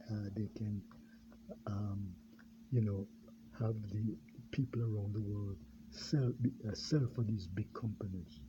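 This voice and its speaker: A man from Jamaica, a pastor, talking in a rambling unscripted monologue, halting and full of fillers and repeated words. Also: lowish voice. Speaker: pastor and self-styled candidate. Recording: dull lo-fi recording with clear background noise.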